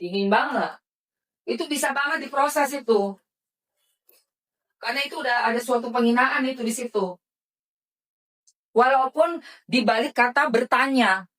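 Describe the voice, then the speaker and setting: A woman's voice: a little high, normal speed, long pauses, fairly bright tone. A woman doing live-stream commentary in a dramatic, indignant way, often calling her listeners darling.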